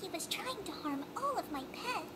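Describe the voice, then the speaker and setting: A performer voicing a timid, gentle female pony who loves animals, soft-spoken and shy, in a fan-made cartoon. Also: extremely high pitch, sing-song, moderate pace, reverberant, heavily acted.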